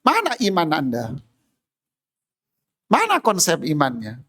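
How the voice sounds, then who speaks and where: A man's voice: on the high side, wildly swooping pitch, a little slow, sharp tone. A male Islamic preacher, giving a humorous sermon in a mosque and acting out everyday scenes.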